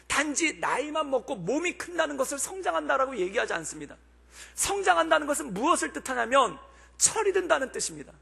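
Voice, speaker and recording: Male pastor, sermon; bright, forceful delivery, earnest, rhetorical questions; reverberant church hall. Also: very high voice, gravelly. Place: church sanctuary.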